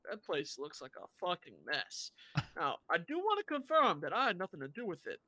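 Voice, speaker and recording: A man leaves a playful, cocky voicemail, teasing as he talks. His voice is high and bright, swinging all over, and it sounds dry and close. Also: wildly swooping pitch, a little fast, no room sound. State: leaving a voicemail. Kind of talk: in-character roleplay.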